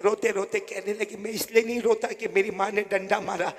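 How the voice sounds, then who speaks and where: A male preacher telling a story in a sermon, swinging from soft murmurs to shouted peaks and calling listeners his dear ones. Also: high-pitched, little pitch movement, fairly quick. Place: village gathering. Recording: echoey hall reverb.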